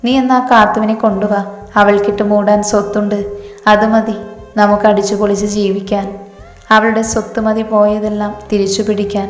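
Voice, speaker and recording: A woman's voice: medium pitch, level tone, moderate pace, lightly acted. A woman voicing a greedy, scheming young man in a storybook tale, in an echoey hall with faint music. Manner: cold, calculating.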